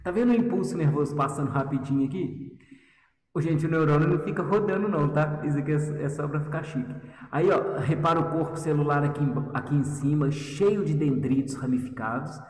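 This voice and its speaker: A man's voice: fairly high pitch, fairly quick, a little mellow, recorded from a distance. A man teaching histology in a chatty, teasing way, talking straight to his students. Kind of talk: lively video lesson. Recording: echoey room, voice from off the mic.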